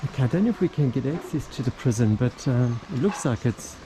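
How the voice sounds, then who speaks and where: Male travel vlogger, mid pitch, halting and rambling delivery, noisy recording. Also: animated. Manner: halting and rambling, full of ums. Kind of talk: casual travel vlog narration.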